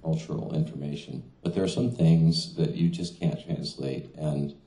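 Seated before a stand mic in an echoey room, a middle-aged translator talks casually at a small-venue reading with many fillers and restarts. He has a very deep, dark voice with a steady tone and a moderate pace.

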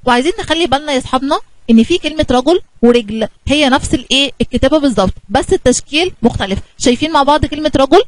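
A woman with an Egyptian Arabic accent teaches small children, quick and bright, coaxing them with questions. Her voice sits a little high, and the close recording is dry with no room sound. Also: animated, no room sound, rough recording. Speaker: kindergarten teacher. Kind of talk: children's lesson narration.

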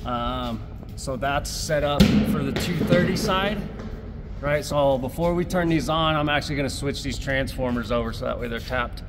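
Loud music plays behind a man speaking at medium pitch and normal speed as he does refrigeration work. His head-mounted camera follows him across a rooftop at night and through equipment rooms while he casually explains each step plainly, swearing often.

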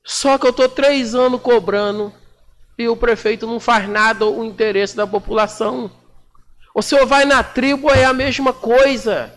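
Brief: high-pitched Brazilian councilman in his 40s, combative and slangy, speaking at a chamber desk mic. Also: fairly even intonation, normal speed, fairly bright tone. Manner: combative, indignant, with colloquial slang. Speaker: city councilman. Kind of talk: plenary floor speech. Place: municipal council chamber, indoors. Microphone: desk microphone.

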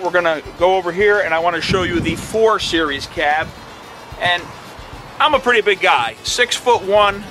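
A middle-aged man, an equipment dealer salesman, giving a plain product walkthrough with fillers, outdoors on a lot and then inside a tractor cab. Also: sits high.

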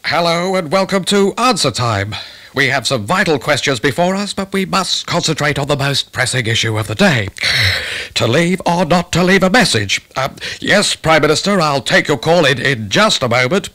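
A man's voice: on the high side, animated, moderate pace, bright, forceful tone. A man playing a pompous male host of a political debate show, speaking with a grave broadcaster's delivery.

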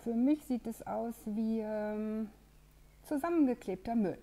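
Storybook wild boar, scornful and blunt, gravelly; a woman reader puts it on, slow. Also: fairly high pitch, mellow, pitched above the performer's own voice. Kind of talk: storybook read-aloud.

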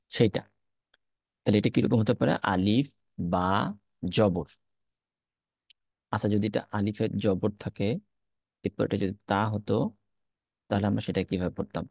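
A man's voice: on the low side, vocal fry, mellow, no room sound. A man teaching an Arabic reading lesson, patiently explaining and repeating letter-by-letter drills.

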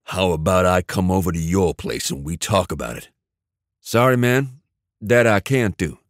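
A male narrator voicing a cool, menacing male ex-soldier who speaks slowly and evenly. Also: no echo, studio quality. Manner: low, slow, calm, menacing.

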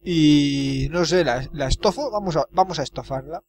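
A man's voice: fairly high pitch, normal speed, a little mellow, a little hiss or hum. A man giving chatty let's play commentary and reading out game actions. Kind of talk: casual gameplay commentary.

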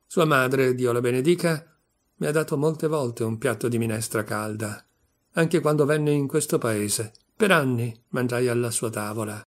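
A man reading a story aloud, voicing an aging, soft-hearted baker who speaks earnestly. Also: medium pitch, normal speed, close to an everyday voice. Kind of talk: audiobook reading.

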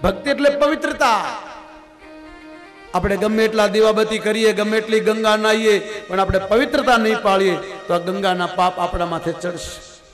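In an echoing, large religious gathering hall with loud music, a man preaches a devotional katha on scripture. He tells the story, acts out the dialogue, and often chuckles, his high voice keeping a fairly even intonation at moderate speed.

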